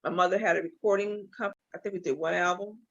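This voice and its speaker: Gravelly, lowish, and fast, this woman's voice carries her story as a guest in a casual interview. A hair and makeup artist from Los Angeles in her forties, she speaks openly and becomes animated at times, on dull lo-fi audio.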